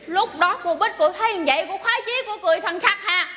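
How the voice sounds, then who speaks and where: A woman's voice: very high voice, quick pace, sharp tone, a little hiss or hum. A woman playing a young, chatty servant who is testifying loyally for her mistress, rambling and hesitating with many fillers. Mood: earnest, gossipy. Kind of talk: stage comedy skit.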